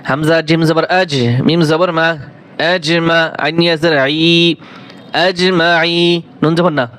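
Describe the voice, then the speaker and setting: A man teaches Quran reading in a higher, flat, fairly bright and smooth voice. He spells out every syllable slowly and deliberately and chants verses in a drawn-out way.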